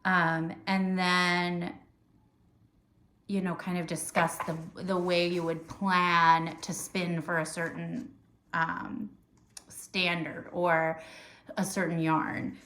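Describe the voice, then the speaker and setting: A woman's voice: fairly low pitch, level tone, slow pace, a bit bright, slight background noise. Chatty woman podcaster in a roomy space. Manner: chatty, rambling with many fillers and restarts. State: hiccuping. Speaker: podcast host. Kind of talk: casual chat. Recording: roomy echo.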